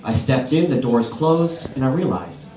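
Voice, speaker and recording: This American comic has a medium-pitched, dark-toned voice, very animated at a moderate pace, with a little hiss or hum. Performing at an open mic before a live comedy club audience, he tells stories in a laid-back way and plays to the crowd. Laughter echoes through the distant, roomy sound.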